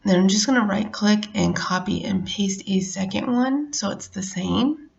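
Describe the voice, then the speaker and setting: A middle-aged woman hosts a craft tutorial, walking through a casual how-to step by step in a relaxed manner. Her voice is medium-pitched with vocal fry, her pace is moderate, and the recording sounds muffled.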